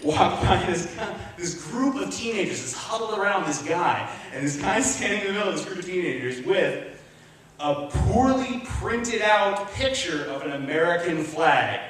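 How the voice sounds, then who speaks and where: A man's voice: high voice, recorded from a distance. Sardonic young man, stand-up in an echoey club. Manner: sardonic, profane, quick asides and self-mocking. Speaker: stand-up comedian. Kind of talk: live stand-up comedy. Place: comedy club room with a live audience. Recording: very echoey room, captured from afar.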